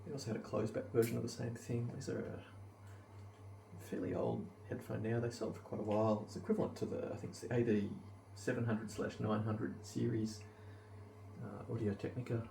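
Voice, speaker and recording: A mid-range, dark-toned voice with vocal fry keeps a level tone at a moderate pace. This headphone reviewer and gamer talks casually and rambles about gear and gameplay, hesitant as he thinks things through aloud. The recording is roomy and distant with faint noise behind.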